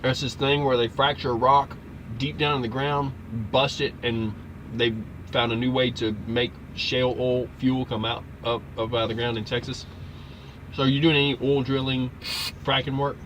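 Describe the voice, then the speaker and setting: A man with a mid-pitched voice talks casually, like a livestream host among fellow truckers. His manner is folksy and joking, with faint vehicle noise around him. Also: level tone, normal speed, a bit bright, rough recording. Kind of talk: casual chat.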